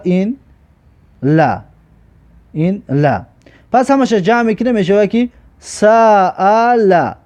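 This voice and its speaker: A man with a Tajik accent leads a slow alphabet lesson, repeating each letter and word in a fairly high voice. He draws every syllable out for learners to copy. The recording sounds dull and lo-fi. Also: darkish tone. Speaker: Arabic alphabet teacher. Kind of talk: slow drilled reading lesson.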